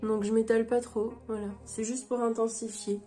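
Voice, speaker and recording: A woman with a slightly high voice walks through her makeup routine one step at a time, relaxed and chatty. Clear background music plays under her narration. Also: moderate pace. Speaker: beauty vlogger. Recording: music playing behind the voice.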